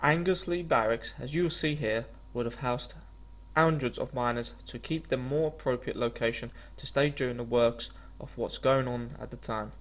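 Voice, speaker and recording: A man reading a scripted travel documentary voice-over in an earnest, slightly stumbling way. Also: mid-range voice. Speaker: vlogger narrating a walking trip.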